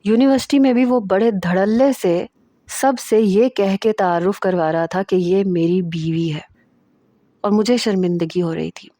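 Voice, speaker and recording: A woman narrates a first-person love story in a steady, expressive reading voice. Her pitch is ordinary and the sound is dry and close to the mic. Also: no echo.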